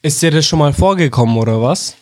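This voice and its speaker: An Iraqi man interviews young people informally, frequently rewording his questions in several ways. His voice sits fairly high, with lively intonation and a quick pace, and the recording carries a slight hiss or hum.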